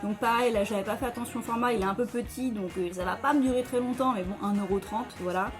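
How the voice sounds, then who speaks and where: A woman's voice: on the high side, quick pace, faint music behind. A woman chatting casually at home as she reviews hair products, with many fillers and restarts. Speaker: beauty vlogger.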